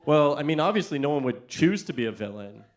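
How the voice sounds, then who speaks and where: Lively man doing stand-up comedy. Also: on the high side, brisk, heavy background noise. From United States. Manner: animated storytelling, acting out other people. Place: comedy venue before a live audience.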